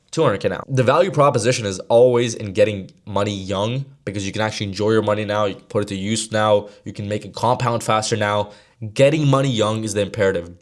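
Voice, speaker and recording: Young man, brash slangy motivational talk, rapid delivery, lowish voice. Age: about 20. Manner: brash, slangy, straight-talking. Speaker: sales mentor.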